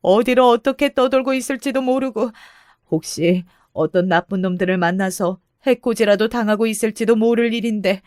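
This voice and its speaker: A devoted middle-aged mother, as a woman reader puts her on, speaks slowly and fretfully, her worry for her children always close to the surface. The voice is dry and near the mic, with no room sound. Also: low-pitched, steady tone, no echo. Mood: panicked. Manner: slow, gentle, fretting.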